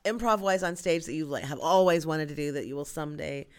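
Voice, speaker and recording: A woman's voice: low-pitched, quick pace, smooth. A woman hosting an interview, encouraging and teasing her guest. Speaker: podcast host. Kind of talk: casual interview. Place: studio. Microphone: studio microphone.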